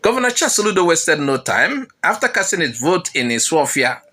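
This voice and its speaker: A man reading out news commentary in a fairly high, lively voice that climbs and dips through each sentence. His tone is bright and forward, and he leans on rhetorical questions to build drama. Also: a little fast.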